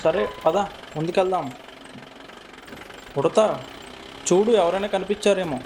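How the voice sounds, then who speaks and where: A man's voice: high voice, unhurried, background noise. A man voicing a kindly adult jeep driver who patiently gives in to a squirrel's requests in a cartoon. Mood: calm. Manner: patient, reassuring. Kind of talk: cartoon voice acting.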